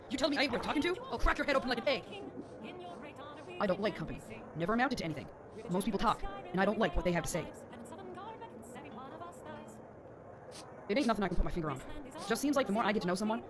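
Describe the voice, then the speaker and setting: An actress playing a thin-skinned, boastful Nord fighter in a video game, with combative, rough folksy speech. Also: female voice, medium pitch, rapid-fire, close to an everyday voice. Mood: threatening, then resentful. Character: brash, thin-skinned strong Nord brawler woman. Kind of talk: video game character dialogue. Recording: sped-up game audio under music.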